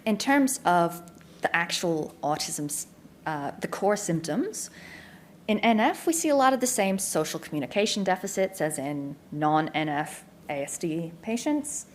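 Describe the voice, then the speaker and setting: An Australian woman giving a clear, informative conference presentation as a neuropsychologist, with frequent ums. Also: on the low side, expressive, measured pace, a little hiss or hum. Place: community information day presentation.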